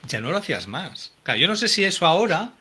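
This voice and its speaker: A man hosts a radio panel in a chatty way. His voice is bright and forward. He tells stories casually and often chimes in to agree. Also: high voice, sing-song, fast, breathy edge. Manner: chatty, anecdotal, frequent agreement. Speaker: radio host.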